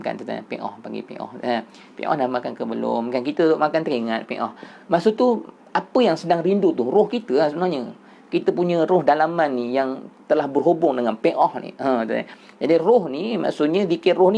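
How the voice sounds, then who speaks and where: A man's voice: fairly high pitch, vocal fry, mellow. A man with a Malaysian Malay accent gives a Sufi religious lecture. He explains patiently, repeats phrases for emphasis and keeps turning back to address his listeners. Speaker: religious teacher.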